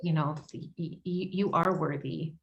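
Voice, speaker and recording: A woman's voice: sits low, steady tone, moderate pace, creaky, lo-fi sound. A woman guest speaking earnestly in an interview, often repeating words for emphasis. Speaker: podcast guest. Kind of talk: heartfelt interview conversation.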